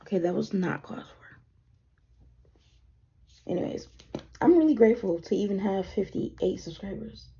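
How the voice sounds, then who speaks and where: Filmed at her desk on dull, lo-fi camera sound, this 21-year-old woman rambles through a get-ready-with-me chat with casual cursing. She sounds tired, her voice a touch deeper because of it: animated, gravelly and mellow at a moderate pace, with long pauses. A little hiss or hum runs underneath.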